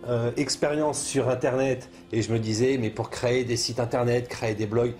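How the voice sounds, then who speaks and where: A man's voice: mid-range voice, fairly even intonation, normal speed, a little mellow, faint music behind. A man hosting a video interview, speaking conversationally with hesitant, circling phrasing as he introduces and sums up ideas. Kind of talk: conversational interview, summing up guest's points.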